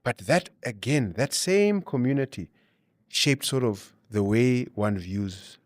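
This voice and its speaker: A Namibian man, guesting on an interview, takes it slowly as he tells stories and gives advice in an expressive, medium-pitched voice. "You know" and "you see" recur throughout, and the studio-quality audio has no echo.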